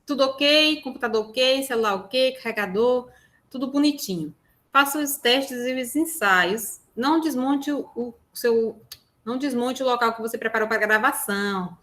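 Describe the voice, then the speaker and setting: A woman's voice: on the high side, moderate pace, a bit bright. A woman with a Brazilian Portuguese accent presenting an online workshop from a room at home on a lapel mic, explaining in a chatty way with frequent tag questions. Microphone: lapel mic on a phone.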